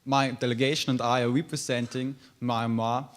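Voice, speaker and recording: A young student delegate with an Austrian accent asks a question at a conference. He speaks earnestly at a medium pitch and stumbles over a few words as he goes. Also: little pitch movement, normal speed. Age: young adult.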